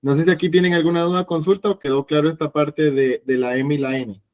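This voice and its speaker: A man teaching an evening language class, patient and explanatory, slowly repeating sounds for his students. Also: fairly high pitch, steady tone. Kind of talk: online class lesson.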